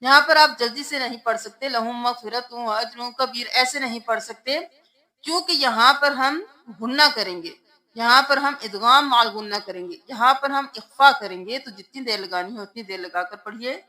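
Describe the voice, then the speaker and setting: Woman teaching tajweed, spells words out slow letter by letter, high bright voice. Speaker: Quran recitation teacher. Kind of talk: tajweed lesson.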